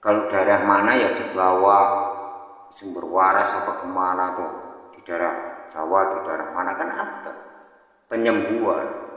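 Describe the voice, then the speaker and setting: A man's voice: sits low, fairly bright tone. Ranting man in an echoey room. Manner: ranting, scolding. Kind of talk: casual live-stream chat reacting to comments. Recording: echoey room with long reverb.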